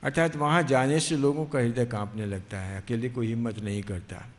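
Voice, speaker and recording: A man, a monk, telling a devotional story in a slow, explanatory way, stretching his words. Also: medium pitch, fairly even intonation. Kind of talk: devotional storytelling with sung verses. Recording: long hall reverb, faint music behind.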